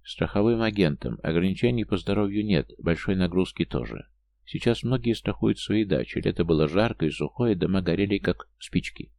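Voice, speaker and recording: A man's voice: low voice, expressive, fairly quick, creaky, a little mellow, no room sound. A man voicing a persuasive, businesslike prosecutor in an audiobook. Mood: persuading. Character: prosecutor, persuasive old friend.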